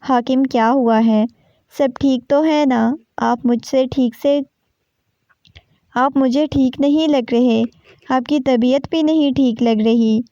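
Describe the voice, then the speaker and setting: A woman's voice: sits high, steady tone, warm tone, no echo. A woman reading an anxious, ailing young wife. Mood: worried. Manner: pleading, worried questions. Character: young wife, anxious and gravely ill, tender. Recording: dull, dry lo-fi recording.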